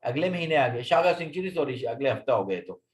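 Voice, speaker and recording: Male tutor, upbeat teaching delivery, lively voice, repeats and checks in often. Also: mid-range voice, fairly quick. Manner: explains patiently, repeats, keeps checking understanding. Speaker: language teacher. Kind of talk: online lesson explanation.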